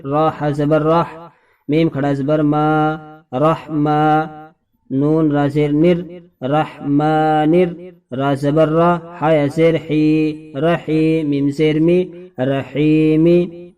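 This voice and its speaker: A young man teaching Quran reading, spelling out syllables slowly and chanting the verses. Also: fairly high pitch, little pitch movement, phone-quality sound. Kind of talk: spelling-out lesson with chanted recitation.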